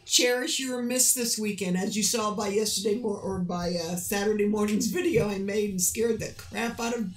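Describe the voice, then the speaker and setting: A woman's voice: mid-range voice, moderate pace, few pauses. Playful female co-host, chatty, roomy and distant sound. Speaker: live stream co-host. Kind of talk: casual chat.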